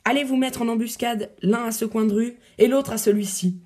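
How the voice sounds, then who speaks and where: A woman reading the part of a bold, scheming male swordsman-poet who gives hushed, urgent orders. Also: on the high side, fairly even intonation, a little fast, pitched above the performer's own voice, lightly acted. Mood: commanding.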